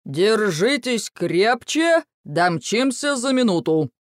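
A man voicing a bossy hurried sparrow dad. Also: sits high, sing-song, dry recording, studio quality, pitched above the performer's own voice, heavily acted. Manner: impatient, boastful.

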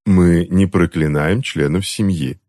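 A man voicing a cold, sardonic aunt who speaks slowly and coolly and mocks her husband. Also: on the low side, sing-song, darkish tone, slightly rough, no room sound, clean studio sound, voice pushed up, exaggerated voice. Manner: unhurried, cool, mocking. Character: cold, sardonic witch aunt reading a book. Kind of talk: audiobook character voice.

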